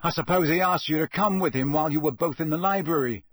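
A man's voice: on the high side, quick pace, fairly bright tone, no room sound, clean studio sound. A man voicing a jealous, sulky teenage boy in an audiobook, scathing and accusatory. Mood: nasty, suspicious.

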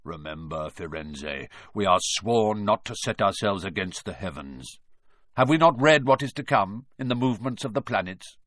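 A hot-tempered male centaur from a storybook, thundering his words loud and high with contempt, then dropping to a harsh growl, as a man puts him on. The sound is dry and close. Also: normal speed, dry recording, close to an everyday voice. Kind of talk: audiobook character reading.

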